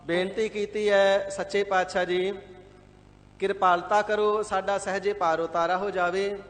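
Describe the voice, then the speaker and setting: A man giving a devout, measured scripture sermon, explaining and repeating words one by one and at times chanting a verse. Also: high voice, little pitch movement, a bit bright, in a large hall. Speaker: Sikh scripture expounder. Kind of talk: line-by-line scripture exposition sermon. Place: large gurdwara hall.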